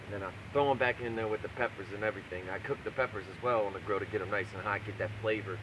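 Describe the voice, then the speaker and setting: Crude, brash man rambling in low voice. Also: very fast, noisy background. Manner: crude, brash, repeating himself for emphasis. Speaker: video blogger and home cook. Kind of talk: profane, casual rambling rant to camera.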